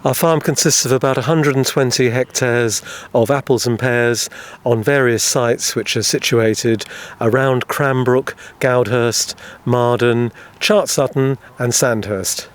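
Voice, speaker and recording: Measured man explaining his farm. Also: mid-range voice, steady tone. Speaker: organic apple grower. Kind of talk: radio news interview. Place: outdoors at a farm.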